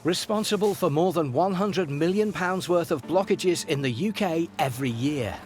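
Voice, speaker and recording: A man giving wry, measured scripted documentary narration. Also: on the high side, a little mellow, slight background noise. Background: music.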